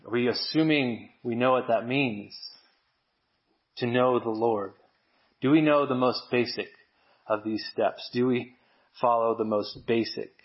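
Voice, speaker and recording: A man giving a sermon to a church congregation, talking in an easy, conversational way with self-deprecating asides. His voice sits at an ordinary middle pitch. The church recording sounds a little dull and lo-fi. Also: unhurried, long pauses. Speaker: preacher. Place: church service.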